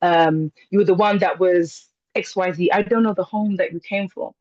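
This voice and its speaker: A woman's voice: fairly low pitch, steady tone, normal speed, darkish tone, dry recording, dull audio. A young woman giving an emphatic motivational speech to a group of women, with repetition and rhetorical questions. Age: young adult. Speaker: motivational speaker.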